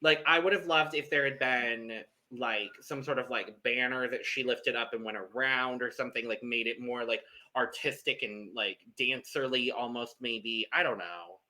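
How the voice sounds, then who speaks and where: A man's voice: medium pitch, moderate pace, few pauses, pushed and bright. A man co-hosting a podcast, reviewing an episode in casual chat, opinionated and moving the discussion along. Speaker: podcast co-host.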